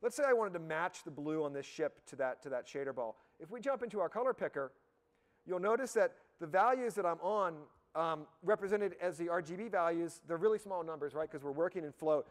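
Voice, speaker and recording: A man with a somewhat raised pitch walks through a live software demo. He sounds slightly hoarse, as if losing his voice. His delivery is relaxed and upbeat, full of fillers and restarts. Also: fairly quick. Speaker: product expert giving a software demo.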